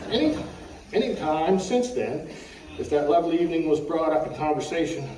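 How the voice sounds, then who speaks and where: A man's voice: a little high, expressive, a little fast. A middle-aged or older man reading a personal eulogy from notes, telling humorous anecdotes in a wry, folksy way. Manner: wry, folksy storytelling, often clearing the throat. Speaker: eulogist at a funeral. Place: echoey room at a funeral service. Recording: roomy, distant mic with faint background noise.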